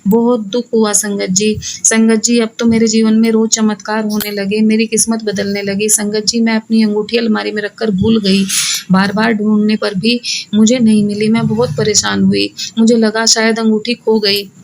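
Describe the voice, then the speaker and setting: A woman's voice: medium pitch, little pitch movement, normal speed, darkish tone, a little hiss or hum, low-quality recording. A woman host narrating a devotee's testimony as scripted devotional storytelling, telling it in the first person and often addressing listeners as "sangat ji".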